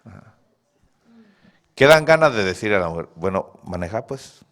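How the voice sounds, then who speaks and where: At a normal speed, this preacher talks straight to his congregation, his animated voice swinging from sudden shouts back down to low tones. He laughs at his own stories as the sermon goes on.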